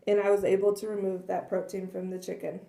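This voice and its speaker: A woman demonstrating cleaning cloths in a casual, earnest way, a little hoarse from losing her voice. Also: mid-range voice, completely flat delivery, quick pace, warm tone. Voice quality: frequent throat clearing and coughs. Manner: chatty, earnest, many fillers. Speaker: product demonstrator. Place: kitchen at home. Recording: echoey room.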